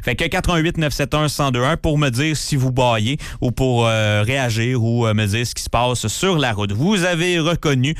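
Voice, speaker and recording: A man's voice: medium pitch, normal speed, few pauses, clean tone, no echo, studio quality. A man with a Québécois accent hosting a radio show in casual, chatty style. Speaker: radio host. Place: radio studio.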